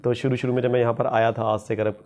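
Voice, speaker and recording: A man's voice: medium pitch, flat delivery, quick pace, a little mellow. A man teaching English at a local institute, answering interview questions in a casual, humble way, often repeating his phrases.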